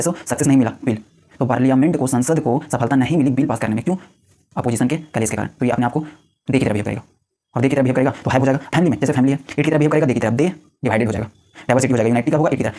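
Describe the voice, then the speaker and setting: A young man teaching English grammar, explaining rapidly and mixing Hindi with English example sentences. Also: mid-range voice, darkish tone. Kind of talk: classroom grammar lesson.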